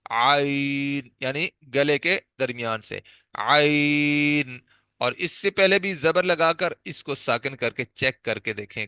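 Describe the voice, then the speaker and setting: Man, Pakistani Urdu accent, tajweed teacher, bright crisp voice, dry close sound, drills letters patiently. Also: fairly high pitch, dry recording. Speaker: Quran recitation teacher. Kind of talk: tajweed lesson.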